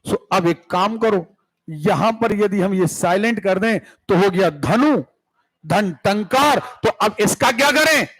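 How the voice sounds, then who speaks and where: Man, Hindi grammar teacher, very high voice, slow deliberate pace, central Indian Hindi accent, keeps checking that students follow. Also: lively intonation, fairly bright tone, poor audio. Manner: keeps checking the class with "clear hai?" and "sun rahe ho?". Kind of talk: classroom lecture.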